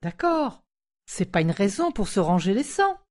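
A woman's voice: mid-range voice, very animated, normal speed, darkish tone, natural voice. An actress playing a self-assured, chatty cleaning woman who gives advice with authority. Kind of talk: audio drama acting.

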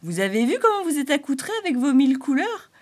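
A woman's voice: high-pitched, sing-song, quick pace, a little mellow, voice pushed up. Woman doing a grumpy tiny soil bug. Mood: indignant. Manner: touchy, indignant and sarcastic.

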